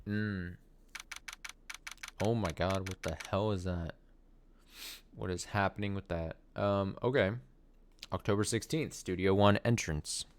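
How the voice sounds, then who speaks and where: Low-pitched man casually playing through a game. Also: unhurried, pauses often, a little hiss or hum. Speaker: gameplay host. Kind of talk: casual game commentary and read-aloud.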